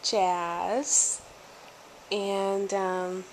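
A woman with a head cold and a stuffy nose, chatting casually through an unboxing and pausing often on ums. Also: medium pitch, level tone. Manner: slow, with many ums. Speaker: vlogger. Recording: noisy home video.

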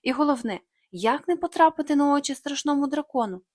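A woman's voice: high voice, lively intonation, brisk, a little mellow, no echo, clean studio sound. A woman voicing a grumpy, scheming male monster leader who bosses his gang. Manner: grumbling, sly.

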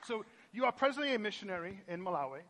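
High bright voiced pastor guy hyping up a church crowd, jokey, keeps restarting words. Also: racing. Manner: energetic, joking, stumbles over restarts. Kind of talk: lively church-service hosting. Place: church sanctuary.

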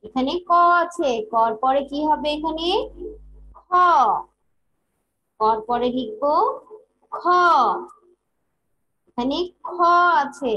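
A woman's voice: sits high, extremely slow, long pauses, rough recording. A young woman with a Bangladeshi Bengali accent teaching a kindergarten class, patiently drilling letters and chanting rhymes in a sing-song way. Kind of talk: online class lesson.

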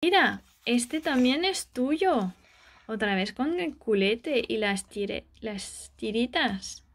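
A woman, a vlogger and mother, chatting softly and dotingly with a child and her viewers. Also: fairly high pitch, lively intonation, slow pace. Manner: doting and soft, speaking as to a small child. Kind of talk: casual chat with a child and viewers.

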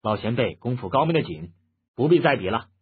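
Polite middle-aged fighter, narrator's voice; low-key, lo-fi phone quality. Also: male voice, animated, a little fast, breathy edge. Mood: calm. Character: calm, polite middle-aged male swordsman. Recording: muffled phone-like lo-fi audio.

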